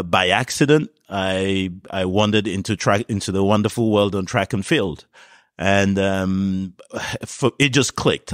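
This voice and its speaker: A man in his fifties from Cameroon, a podcast guest telling his life story in a relaxed way with many fillers. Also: on the low side, dry recording, studio quality. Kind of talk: casual interview talk.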